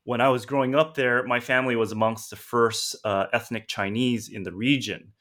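A man from Southern California, a theologian answering interview questions in a measured way with frequent fillers. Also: mid-range voice, steady tone, fairly bright tone. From Southern California, USA. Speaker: guest author, theologian. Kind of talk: podcast interview.

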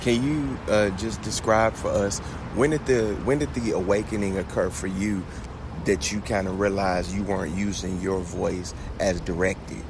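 A man's voice: low voice, fairly even intonation, normal speed. A man guest-hosting a podcast in a conversational way, hesitantly feeling his way through his phrases. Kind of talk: conversational, faith-based podcast talk. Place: outdoors on location, traffic behind. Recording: outdoor location with clear traffic noise.

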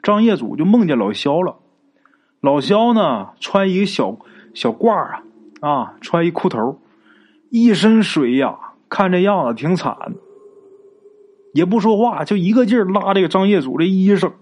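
A man's voice: fairly high pitch, a little mellow. A man narrating a ghost story in a chatty, folksy way, drawing out particles and speaking straight to his listeners.

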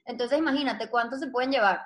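A woman, chatting casually with friends and telling animated stories. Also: a little high, fast talker. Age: 20s. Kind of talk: casual chat among friends.

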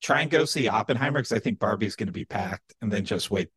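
A man's voice: on the low side, animated, quick pace, a bit bright, slightly rough, dry recording. A man talking through a voice changer that disguises his voice, a podcast guest chatting casually with dry, wry humor. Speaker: podcast guest, entertainment data analyst.

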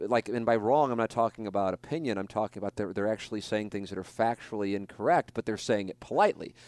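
A man with a lowish voice hosts a talk show, rambling through his thoughts with plenty of restarts and fillers. He is recorded close and dry, with no room sound. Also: darkish tone, no echo. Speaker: radio show host. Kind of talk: casual talk show chat.

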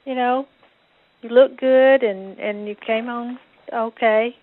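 A woman's voice: a little high, fairly even intonation, takes it slowly. Older woman heard over a payphone call. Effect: payphone call from jail. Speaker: grandmother taking a call. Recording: tinny phone line.

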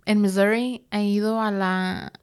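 A woman's voice: mid-range voice, steady tone, unhurried, smooth. A woman co-hosting a true-crime podcast, chatting casually and slangily and mixing in English words. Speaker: podcast co-host.

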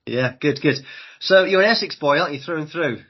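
A man's voice: on the high side, brisk, breathy edge, lo-fi sound. A man hosting a podcast, introducing and questioning his guest in a conversational interview style.

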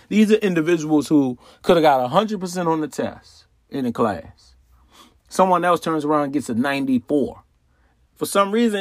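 Studio-quality and dry, the clip features a man whose voice sits on the high side. He hosts an astrology channel in a conversational, easygoing monologue, repeating himself and asking questions he doesn't expect answered.

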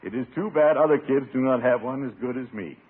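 An actor playing a pompous, soft-hearted middle-aged uncle in a 1950s radio sitcom, with blustery, theatrical delivery. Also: male voice, medium pitch, fairly quick, slightly rough, close to an everyday voice. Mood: reading aloud, softening. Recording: tinny, noisy old radio broadcast.

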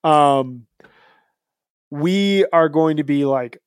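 A man's voice: a little high, drawn-out words, smooth, no echo, studio quality. A man in his thirties co-hosting a podcast, chatting in an upbeat, rambling, jokey way. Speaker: podcast co-host. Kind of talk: casual podcast chat.

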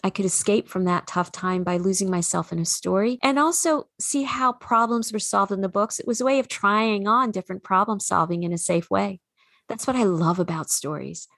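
A woman's voice: mid-range voice, normal speed, creaky, fairly bright tone, dry recording, studio quality. A woman children's author from New England with a New England accent, talking earnestly and reflectively in an interview, often restarting her sentences. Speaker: children's book author and speaker. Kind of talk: conversational interview.

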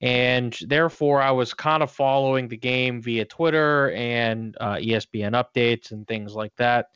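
A man's voice: medium pitch, moderate pace, a bit bright, smooth, no echo. A man co-hosting a podcast with casual, conversational sports talk. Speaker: podcast co-host. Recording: dry, dull lo-fi podcast audio.

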